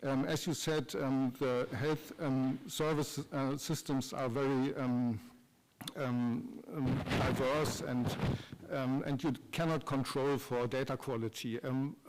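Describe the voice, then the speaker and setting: A man's voice: medium pitch, steady tone, slow pace, darkish tone, a little hiss or hum. Hesitant man in a reverberant hall. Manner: hesitant, many ums. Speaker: conference attendee asking questions.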